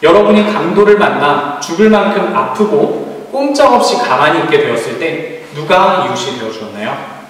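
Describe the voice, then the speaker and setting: A man gives a children's sermon in a fairly high, lively voice that rises and falls as he tells the story gently. He sounds far from the mic, and the long echo of a church hall rings around every phrase. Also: moderate pace. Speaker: youth pastor. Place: church sanctuary.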